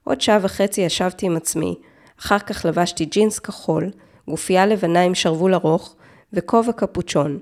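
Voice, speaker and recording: Low-voiced woman narrating true crime. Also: a little mellow. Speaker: podcast narrator.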